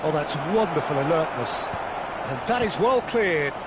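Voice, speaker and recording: A man playing a keen football commentator in a video game, calling play-by-play in excitable, clipped phrases. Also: on the high side, moderate pace, very noisy, lightly acted. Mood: engaged.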